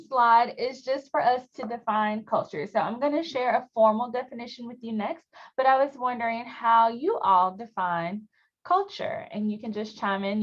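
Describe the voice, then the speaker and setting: Lady running an online workshop, chatty explainer, dull lo-fi call sound. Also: a little high. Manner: conversational, explaining with fillers. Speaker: workshop facilitator. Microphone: video call.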